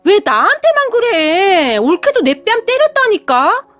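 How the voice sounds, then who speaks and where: A woman voicing a spoiled, whiny grown sister-in-law who shouts and complains tearfully. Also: high-pitched, expressive, moderate pace, soft background music. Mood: shrill whining.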